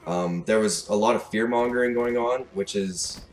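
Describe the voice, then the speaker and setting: A man's voice: fairly low pitch, moderate pace, faint music behind. A seventeen-year-old young man with a Canadian accent, giving a casual, off-the-cuff commentary rant in a blunt, fed-up, sweary manner. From Alberta, Canada. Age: 17, teenager. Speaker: gaming commentator. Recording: clearly noisy home recording.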